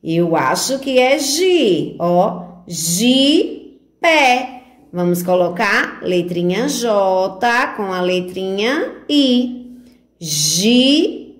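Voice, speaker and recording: Slow sing-song Brazilian teacher, echoey room. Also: female voice, mid-range voice, lively intonation. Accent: Brazilian Portuguese, northeastern. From northeastern Brazil. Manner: sing-song, drawing out syllables, coaxing questions to children. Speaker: preschool teacher. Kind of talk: slow, sounded-out remote lesson for small children. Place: home or classroom recording for remote teaching.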